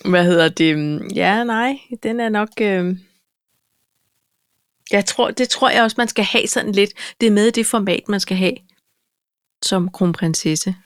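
A woman chats casually with a wry, teasing edge and trades quick jokes. Her pitch sits in the middle of the range. The sound is dry and close, with no echo. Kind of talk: casual chat.

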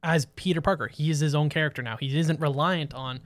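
A man co-hosting a podcast in casual chat, talking fast and eagerly and often over his co-host. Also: a little high, dry recording, clean studio sound. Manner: excited, rapid, talks over his co-host.

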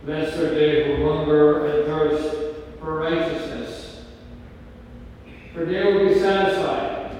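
A man reading the gospel aloud at a church service in a measured, solemn way, with a cathedral echo. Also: fairly high pitch, flat delivery, darkish tone, a little hiss or hum. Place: large church. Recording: roomy church reverb from far off.

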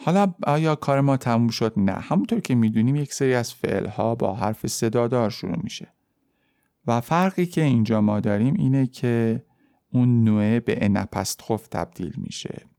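A man teaching French on a podcast, explaining in Persian and saying the French forms slowly and clearly. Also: medium pitch, animated, mellow, dry recording, studio quality. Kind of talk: podcast language lesson.

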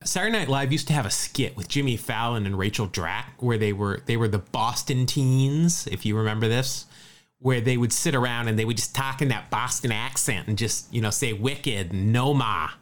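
A man's voice: mid-range voice, a little fast. A man co-hosting a casual sports podcast, reeling off statistics with a light, chatty manner. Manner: lively, rattles off stats. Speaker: podcast co-host.

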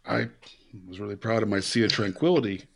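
A man's voice: fairly low pitch, fairly quick, vocal fry, a little hiss or hum. A man playing a trivia game, joking and teasing the others. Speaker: quiz player. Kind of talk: casual banter.

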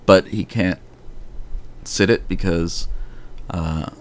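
A man chatting casually as a podcast host, rambling and animated, with the occasional swear. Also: deep voice, slow. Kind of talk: casual fan discussion.

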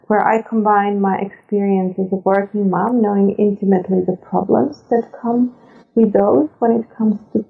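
A woman, a chef guest on a podcast, answering in a measured way with many hesitations. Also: medium pitch, vocal fry. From Serbia. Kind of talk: interview answers. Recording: tinny phone-like line.

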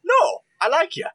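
A man playing a sly goblin in disguise. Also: a bit bright. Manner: sly, chatty, hesitant. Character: crafty male goblin in human disguise.

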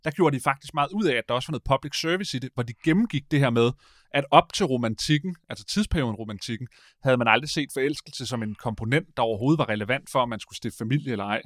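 A man in casual conversation as a podcast host, rambling and animated, often stopping to correct himself. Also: medium pitch, no room sound, studio quality. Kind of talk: casual chat.

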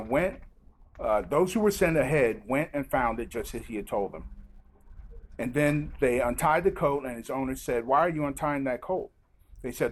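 A man preaching a sermon as pastor, reading scripture and then talking to the congregation in a lively, conversational way. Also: medium pitch.

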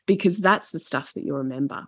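A middle-aged woman spins a rambling holiday story in easy, casual talk, now and then acting out the other people in it. Her voice sits a little low, and it is recorded close and dry, with no room sound. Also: fairly quick, no room sound. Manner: animated, acts out voices in stories, swears casually. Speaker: podcast guest.

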